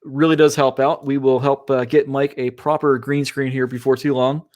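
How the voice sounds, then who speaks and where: A man co-hosting a casual podcast chat, reading out listener points with relaxed asides. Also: mid-range voice, moderate pace. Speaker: podcast co-host.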